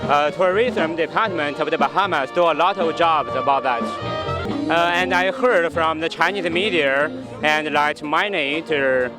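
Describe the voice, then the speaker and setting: A man interpreting live in a news interview, his voice pitched a little high. He halts and restarts often and bends the grammar as he translates on the spot. Clear music plays behind him. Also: unhurried. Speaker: interpreter for a diplomat.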